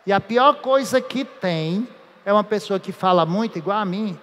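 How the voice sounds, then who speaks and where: A man from Brazil, a teacher giving a lively, joking classroom lecture with drawn-out emphasis. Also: high-pitched, a little hiss or hum. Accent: Brazilian Portuguese. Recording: echoey hall.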